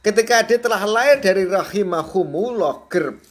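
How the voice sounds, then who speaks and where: A man preaching a sermon, chatty and quick to laugh, often checking in with his audience and acting out the cries and prayers of a newborn. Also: high-pitched, expressive. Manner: acts out a newborn's crying and prayers. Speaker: Sufi preacher.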